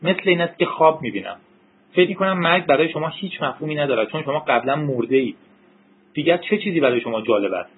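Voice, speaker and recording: A man's voice: medium pitch, husky, close to an everyday voice. A man voicing a desperate young male hacker who pleads and raises his voice, on a tinny narrow-band recording. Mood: agitated. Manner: urgent, rising to shouts.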